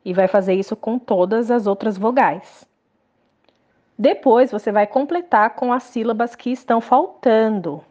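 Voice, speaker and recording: A woman teacher, speaking slowly and patiently to young children in a lesson podcast. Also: on the high side, darkish tone, lo-fi sound. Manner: slow, patient, sing-song explaining to young children.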